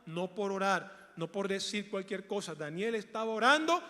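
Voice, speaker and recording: High bright preaching man. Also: expressive, moderate pace. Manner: preaching with big swings from hushed to shouted, rhetorical questions. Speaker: pastor. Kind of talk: sermon. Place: large church hall. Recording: echoey church hall.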